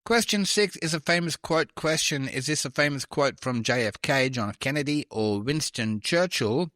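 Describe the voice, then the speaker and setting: A man's voice: medium pitch, animated, moderate pace, sharp tone, dry recording, clean studio sound. A man hosting a trivia podcast, reading questions with chatty, self-deprecating asides. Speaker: quiz podcast host.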